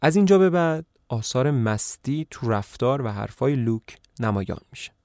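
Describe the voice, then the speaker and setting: A man retells a play as a podcast narrator, in a calm, even storytelling voice. His pitch sits in the middle range. The sound is close and dry, with no room echo.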